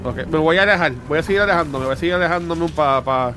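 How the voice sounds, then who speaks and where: Slangy Puerto Rican man gaming, high-pitched. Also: quick pace, pushed and bright, slight background noise. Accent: Puerto Rican Spanish. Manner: slangy, swearing, mixes English words into Spanish. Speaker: player in a co-op video game series. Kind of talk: casual gameplay chat.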